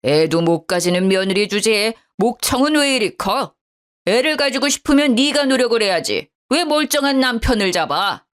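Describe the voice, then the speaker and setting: A woman's voice: a little high, expressive, normal speed, natural voice. A woman doing a harsh old father-in-law, raised and scolding. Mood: scornful. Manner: loud, contemptuous scolding.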